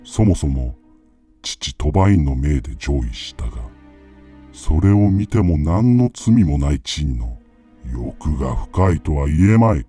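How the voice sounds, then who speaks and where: A man voicing the proud, menacing ghost of an emperor in a husky, hushed, eerie ghost story. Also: big pitch swings, slow pace, soft background music, heavily acted. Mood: stern, indignant. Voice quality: very deep, husky, breathy.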